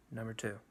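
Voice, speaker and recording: A young man rambling bluntly and profanely through an anime ranking, with many restarts and fillers. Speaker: anime reviewer. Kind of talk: casual ranking rant.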